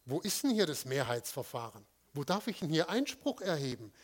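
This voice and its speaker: Male preacher with a high voice; emphatic delivery, answers his own rhetorical questions, leans hard on key words. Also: sing-song. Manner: stresses single words with pauses. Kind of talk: sermon with slides.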